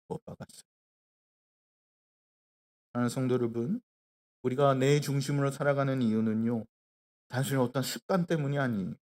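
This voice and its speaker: A man in his thirties preaching a sermon at a live church prayer meeting, earnest and conversational, with rhetorical questions and sudden swings from hushed, slow emphasis to loud exclamations. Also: mid-range voice. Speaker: pastor. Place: church worship hall.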